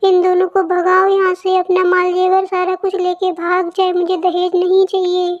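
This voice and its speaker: A woman voicing a dramatic older mother-in-law in a cartoon, calling out and pleading loudly. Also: very high voice, completely flat delivery, moderate pace, highs cut off. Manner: loud pleading calls.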